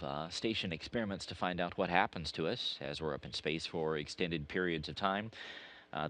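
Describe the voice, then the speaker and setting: An American man narrating a status update as a mission control commentator, often pausing mid-sentence with an uh. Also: a bass voice, a bit bright. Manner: hesitant, frequent uh pauses mid-sentence.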